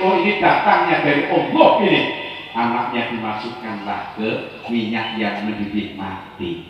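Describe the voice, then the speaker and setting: Echoing comic preacher with Tegal Javanese accent. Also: male voice, sits high, a little hiss or hum. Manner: lively storytelling, quizzing the audience. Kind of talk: comic sermon. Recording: echoey hall from far off.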